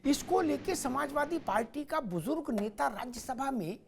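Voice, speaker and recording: This is a man anchoring a televised news debate who leans on rhetorical, needling questions. His voice sits unusually high for a man. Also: animated, normal speed, gravelly, a little hiss or hum.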